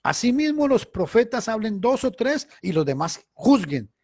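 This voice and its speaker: A man teaching a Bible study in a preaching style, emphatic, swinging between loud stressed words and quiet asides. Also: extremely high pitch, big pitch swings, normal speed, no echo, studio quality.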